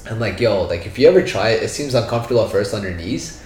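Born in India and brought up in Brampton, Canada, by a Punjabi-speaking family, this man in his 20s has a lowish, darkish voice, lively intonation, and a fast delivery. His casual chat rambles along in slang, heavy on "yo" and "bro." Expect roomy echo and faint background noise.

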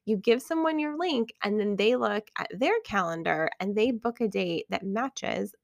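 Chatty woman with a gravelly edge. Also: mid-range voice, expressive, moderate pace, dry recording. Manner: chatty, many fillers and restarts. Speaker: podcast host. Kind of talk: casual podcast recommendations.

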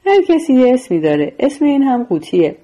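A woman's voice: sits high, big pitch swings, warm tone, voice pushed up, poor audio. A woman voicing a defiant, foul-mouthed male gangster who hurls scornful insults.

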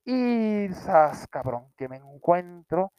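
A man's voice: high-pitched, sing-song, slow pace, dark tone, smooth, dry recording. A young Mexican man with a Mexican accent, telling a funny story in slangy casual chat, acting out quotes with sudden shrieks. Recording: dry, dull lo-fi sound.

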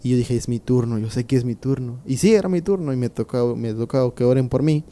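A man's voice: medium pitch, brisk, mellow. Earnest man telling his testimony. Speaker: interviewee sharing a conversion testimony. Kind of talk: casual testimony.

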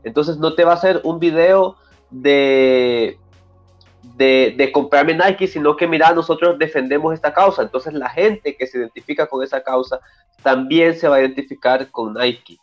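A man's voice: mid-range voice, a little slow. A man co-hosting a podcast in a conversational way. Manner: conversational, reads viewer comments aloud. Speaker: co-host. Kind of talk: casual podcast talk. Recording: dull lo-fi sound with faint music.

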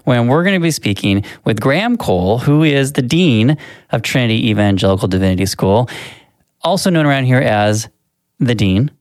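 A man's voice: medium pitch, expressive, moderate pace, no room sound. A man from Southern California co-hosting a podcast in casual chat, playful and joking, with lots of fillers. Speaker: podcast co-host.

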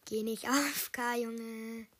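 A woman giving live gameplay commentary, excitable and loud in bursts, slipping in English gamer slang and dropping to quiet asides. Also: on the high side, takes it slowly. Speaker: gaming video host.

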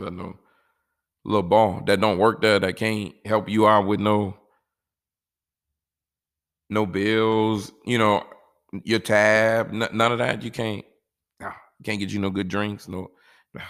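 Low gravelly man, laid-back rambling talk. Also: flat delivery, unhurried, pauses often, a bit bright. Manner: laid-back, rambling, repeats "you know". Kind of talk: casual monologue giving life advice.

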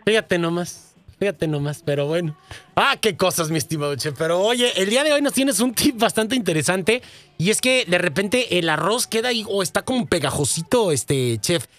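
A man's voice: high-pitched, lively intonation, moderate pace, a bit bright. A man with a Mexican accent chatting casually and jokingly as a radio show host. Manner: jokey, chatty. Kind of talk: casual chat.

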